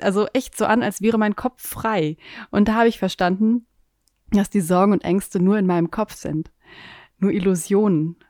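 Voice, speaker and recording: A woman hosting a podcast in a calming, sleep-story style of guided relaxation, addressing the listener intimately in short, measured instructions. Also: medium pitch, dry recording, clean studio sound. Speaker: podcast host.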